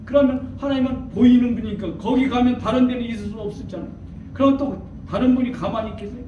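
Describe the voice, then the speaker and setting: A man preaching a sermon as a church elder, throwing rhetorical questions to the congregation and acting out quoted voices. His voice is high and carries through a strongly echoing church hall. The recording is dull and distant, with faint noise behind. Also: fast talker, mellow. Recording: echoey hall from far off, dull.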